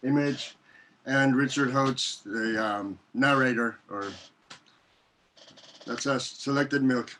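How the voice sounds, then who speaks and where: Male filmmaker, medium voice, halting introductions, slight background noise. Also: medium pitch, pushed and bright. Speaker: filmmaker introducing his team. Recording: faint noise and clicks.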